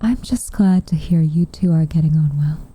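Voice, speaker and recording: Insects chirp in the background as a woman, recorded dry on a close microphone, roleplays a gentle witch for ASMR. Her portrayal carries wistful, guarded tenderness and a gently teasing mood. Intimate and half-whispered, her lowish, very mellow, breathy voice is soft, tender, and measured, frequently becoming a whisper.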